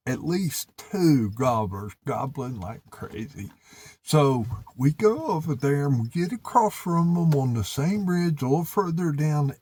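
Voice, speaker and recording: A man with an Appalachian accent telling hunting stories casually, in a folksy, drawn-out country way. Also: mid-range voice, a little mellow, husky, no room sound. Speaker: turkey hunter presenting his own video. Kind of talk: casual storytelling.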